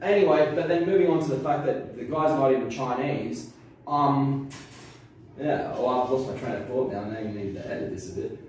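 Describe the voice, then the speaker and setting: A man's voice: mid-range voice, normal speed, a little mellow, slight background noise. A young man tells his side of the story in a casual interview, rambling and swearing freely. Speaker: interview guest. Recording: very echoey room from far off.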